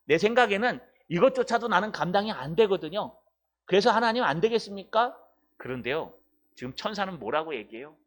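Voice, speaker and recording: A man's voice: on the high side, fairly bright tone. A male pastor preaching a sermon in a church, telling the story dramatically and explaining Greek words.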